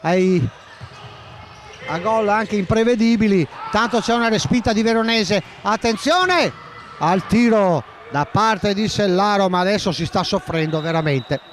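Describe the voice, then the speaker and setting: High-pitched excited male sports commentator. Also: a little hiss or hum. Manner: excitable, shouts at key moments, names players rapidly. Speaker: play-by-play commentator. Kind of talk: live futsal commentary.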